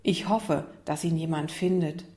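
A woman voicing a dreamy young schoolgirl who softly and wistfully tells of a lost stone, in a storybook. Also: low voice, steady tone, a little slow.

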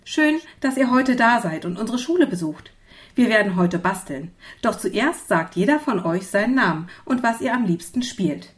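A woman's voice: mid-range voice, expressive, normal speed, natural voice. A woman voicing a friendly female schoolteacher who speaks patiently and encouragingly to small children. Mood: welcoming.

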